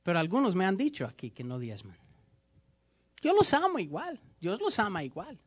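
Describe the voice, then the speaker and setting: A man's voice: sits high, wildly swooping pitch, moderate pace, slightly rough. A man preaching a sermon as pastor, emphatic and repetitive, speaking directly to his congregation.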